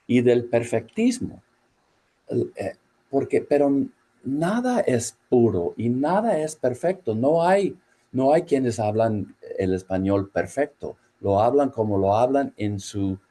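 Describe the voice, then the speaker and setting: A man giving a conference talk in Spanish from a distance, halting, with many fillers and restarts. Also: mid-range voice, mellow, slightly rough. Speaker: conference speaker. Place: university in Laredo, Texas.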